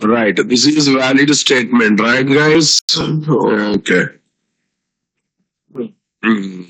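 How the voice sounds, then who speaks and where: Telugu indian guy teaching coding class online, takes it slow, repeats stuff, keeps asking students questions. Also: medium pitch, fairly bright tone, rough recording. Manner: repetitive, with frequent checking questions to students. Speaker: programming teacher. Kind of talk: live online coding lecture.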